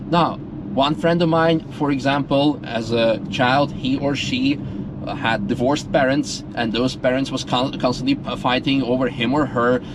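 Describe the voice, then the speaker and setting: A man's voice: medium pitch, background noise. A man from Russia speaking earnestly in a casual, rambling monologue full of fillers and restarts. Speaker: vlogger.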